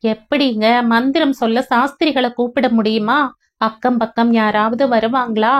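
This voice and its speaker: A woman's voice: fairly high pitch, steady tone, normal speed, natural voice. Timid, tearful young wife in a storybook, pleading and questioning, read by a woman narrator.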